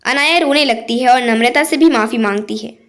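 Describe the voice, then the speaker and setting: High-voiced woman telling a story. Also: brisk, fairly bright tone. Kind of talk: storybook narration.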